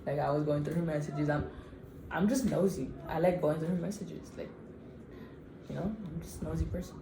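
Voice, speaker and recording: A woman's voice: low-pitched, fairly quick, vocal fry, roomy sound, background noise. A woman of about twenty co-hosting a casual Q&A vlog, speaking frankly and chattily and teasing herself. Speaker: vlog co-host.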